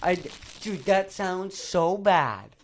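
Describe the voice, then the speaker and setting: A man's voice: high-pitched, animated, slow pace, a crowd in the background. A young man hosting a podcast in casual chat, jokey and teasing, often talking over his guests. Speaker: podcast host.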